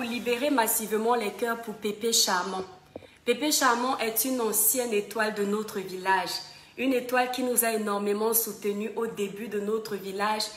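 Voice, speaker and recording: A woman's voice: fairly high pitch, fairly bright tone. A woman hosting a casual live stream, greeting viewers by name and breaking into little bits of song. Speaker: livestream host. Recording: echoey room with music behind.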